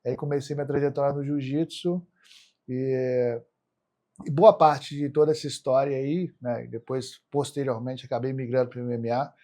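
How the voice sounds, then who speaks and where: Man, Brazilian accent, medium pitch, casual interview storytelling, colloquial, frequent tag questions. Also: steady tone, normal speed, warm tone. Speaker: podcast guest, martial arts athlete.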